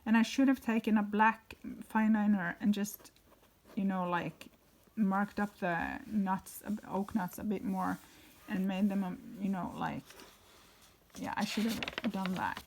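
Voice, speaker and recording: A woman's voice: medium pitch, fairly even intonation, a little slow, creaky, slight background noise. A woman from Norway, chatty and rambling with plenty of fillers, giving a casual flip-through narration of her bullet journal indoors.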